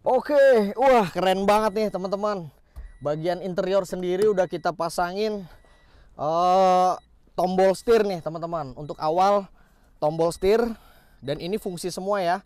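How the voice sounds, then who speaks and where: With a high, darkish voice at a moderate pace, a man who vlogs from a car workshop gives a casual tour of a modified car. He excitedly shows each upgrade, repeatedly saying "keren banget nih" and "teman-teman," in a dry recording.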